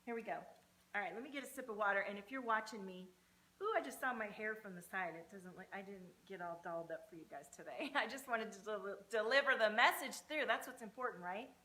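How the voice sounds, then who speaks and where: Bright, forceful motivational woman. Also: mid-range voice, quick pace, low-quality recording. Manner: informal, sweary. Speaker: energy coach hosting a livestream. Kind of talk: motivational pep talk to livestream viewers.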